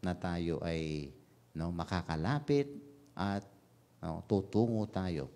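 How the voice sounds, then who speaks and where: A Filipino parish priest preaches a homily in a low, dark voice at an unhurried pace. He moves freely between English and his own language, tagging his phrases with a questioning "no?" The delivery is mellow and pastoral, aimed at a radio congregation. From Philippines. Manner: switches between Tagalog and English, frequent "no?" tags. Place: radio station chapel.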